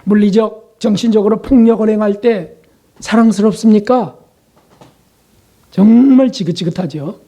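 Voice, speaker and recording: A male pastor delivering a sermon with a dark, mellow tone. He talks to the congregation in a plain, conversational way and puts many questions to them. When he acts out prayers, he drops lower and softer, sometimes to a near whisper. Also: normal speed, pauses often. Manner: earnest, conversational preaching with rhetorical questions.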